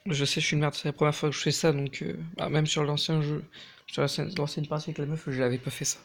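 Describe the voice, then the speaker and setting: A young man talks through a mobile game in loose, profanity-laced commentary, nervous and rushing his words. His voice sits a little high and has a gravelly, fry-heavy edge. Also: flat delivery. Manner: crude, nervous and fast-talking, swears a lot. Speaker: mobile gaming YouTuber. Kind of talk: casual gameplay commentary.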